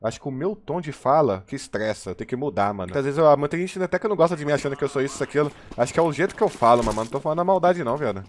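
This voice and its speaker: A man's voice: mid-range voice, expressive, very fast, few pauses. A man with a Brazilian Portuguese accent, giving hyped, slang-filled live commentary as he plays a shooter and calls plays to his teammates. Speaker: gaming streamer.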